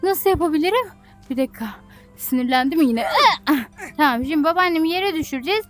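A woman giving playful gameplay commentary as a YouTuber. She is excitable and breaks into squeals and shrieks of alarm. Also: high-pitched, fast talker, soft background music. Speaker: gaming YouTuber.

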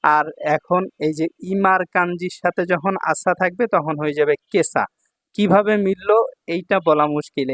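A man with a fairly high voice walks through a kanji lesson step by step, saying each reading twice and pausing to ask if it's clear. The sound is dry and close to the mic. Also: no room sound. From Bangladesh. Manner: repeats readings, checks in with "okay?" often. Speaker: Japanese language teacher.

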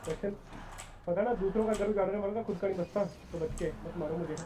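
A man's voice: high-pitched, fast, warm tone, slight background noise. A man racing with friends in an online game, grumbling with mock drama. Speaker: gaming friend. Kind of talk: casual gaming banter.

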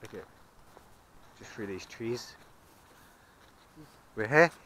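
A man's voice: lowish voice, expressive, takes it slowly, noisy background. A young man chatting casually on a vlog outdoors, joking and swearing as he walks. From England. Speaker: vlogger. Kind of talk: casual chat. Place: outdoors on roads and a woodland station.

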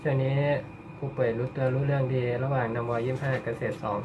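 A man's voice: medium pitch, level tone, quick pace, background noise. A man working as an emergency radio dispatcher, repeating coded messages back in a procedural way.

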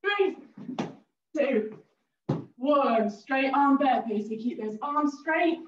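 Slow and high-pitched, this woman's voice carries breathless, upbeat cues and countdowns as she instructs a cardio workout. A little hiss or hum accompanies the roomy, distant, slightly dull recording.

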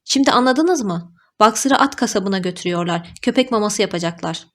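A woman voicing a cynical, blunt old male donkey who shouts urgently in an audiobook. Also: medium pitch, animated, a little fast, lightly acted. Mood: bitter.

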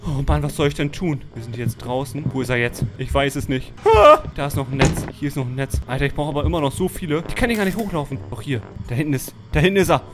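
A man's voice: fairly high pitch, expressive, fast talker, few pauses, over music. Jumpy man narrating a scary game. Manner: jumpy, yelps and shouts when startled; keeps addressing viewers as friends. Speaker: gaming YouTuber. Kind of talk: let's-play commentary.

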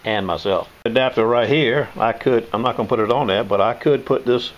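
A man's voice: medium pitch, brisk, highs cut off. An older man, casually demonstrating tools in his home workshop, rambling and folksy. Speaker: knife sharpener showing his shop tools.

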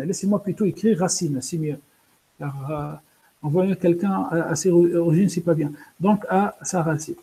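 A man's voice: sits high, warm tone. A man teaching a coding lesson in French, explaining step by step with many fillers and restarts, and apologizing for his English. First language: French-speaking, pronounces English words poorly. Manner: explains step by step, addresses students directly. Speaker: programming instructor.

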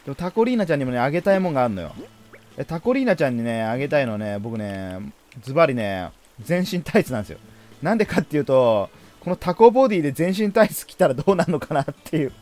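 A man's voice: a little high, big pitch swings, fast, a little mellow. A man giving casual let's play commentary, chatting playfully to the characters on screen as he plays. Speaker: game streamer.

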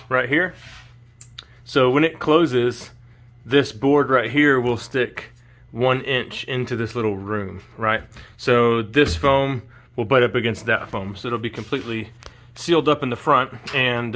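A man's voice: medium pitch, fairly bright tone. Casual man giving a garage DIY walkthrough. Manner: loose and unscripted, many ums and uhs. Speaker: DIY vlogger. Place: home garage.

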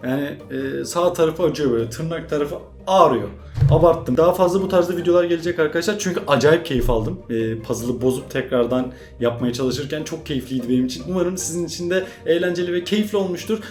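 Speaking fast in a fairly high voice, a young YouTuber from Turkey works on a puzzle during a laid-back vlog. He mutters and grumbles with pretend frustration as he goes.

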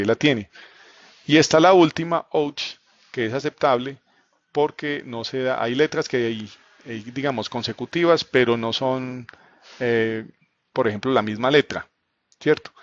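Male programming instructor, live online class, mid-range voice, dry and slightly muffled laptop-mic sound, patient and explanatory, keeps checking in with students. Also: mid-range voice. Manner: explanatory, asks students questions, frequent fillers like "entonces" and "¿cierto?". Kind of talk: live online class, screen-share walkthrough.

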